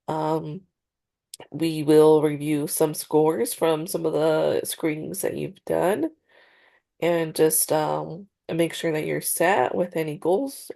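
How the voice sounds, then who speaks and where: A woman acting as counselor during a video-call practice session speaks hesitantly, restarting often and using plenty of fillers. Her deep voice is creaky and a little mellow, with a congested and slightly nasal sound, in this role-played therapy setting.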